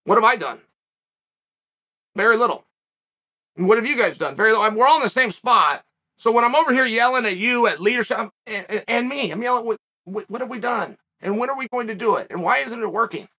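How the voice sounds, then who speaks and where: Male host, high tense voice, emphatic opinion rant. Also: lively intonation, fast talker, bright, forceful tone, husky. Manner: emphatic, ranting, repeats phrases for effect. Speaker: podcast host. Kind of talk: opinion commentary.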